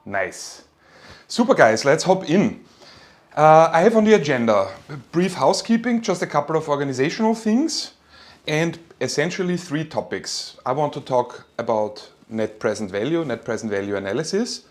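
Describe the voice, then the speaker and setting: This informal live online lecture comes from a university finance lecturer, a man whose mother tongue is German. His voice is a bit high and sing-song at a moderate pace, and his tone is friendly and encouraging, with casual address.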